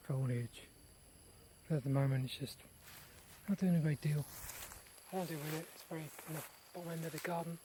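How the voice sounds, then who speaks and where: Guy doing a casual garden walkaround vlog, voice a bit high, rambly with pauses, some faint nature noise behind. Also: a little mellow. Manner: unscripted, pausing between short phrases. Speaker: gardener giving a tour. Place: outdoors in a large rural garden. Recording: noisy outdoor recording with nature sounds.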